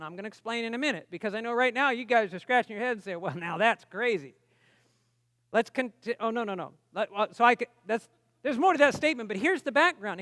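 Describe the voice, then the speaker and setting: Bright high-voiced male preacher. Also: no echo, clean studio sound, in a large hall. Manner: conversational, emphatic, asks the audience questions. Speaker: pastor. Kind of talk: camp meeting sermon.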